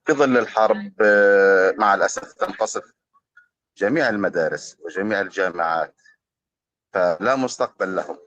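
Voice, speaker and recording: A man with a Palestinian Arabic accent giving earnest, formal-leaning testimony, pausing often as he speaks. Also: lowish voice, a bit bright, dry recording, dull audio. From Gaza, Palestine. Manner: hesitant, pausing often with fillers. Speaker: journalist being interviewed.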